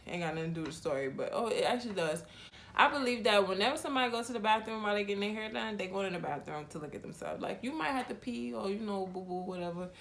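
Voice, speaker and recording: A young adult woman hairstylist telling a casual, slangy storytime vlog with animated delivery. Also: mid-range voice.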